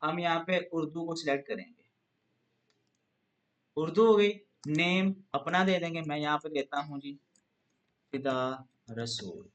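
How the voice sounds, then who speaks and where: A man teaching a screen-recorded software tutorial, explaining patiently step by step and leaning on a repeated filler phrase. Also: fairly high pitch, measured pace, pauses often. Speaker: instructor.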